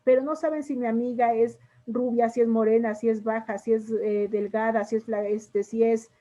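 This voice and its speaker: A woman teacher with a Mexican Spanish accent explains her lesson to students over a video call, speaking straight to them. Her voice is high and mellow. The audio is muffled, as online class audio often is. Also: little pitch movement, moderate pace. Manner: explanatory, addresses students directly.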